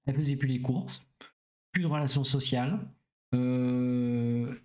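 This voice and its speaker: A middle-aged man, a doctor, explaining things casually to a live audience, pausing often on filler sounds and checking in with his listeners. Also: medium pitch. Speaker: doctor streaming to viewers.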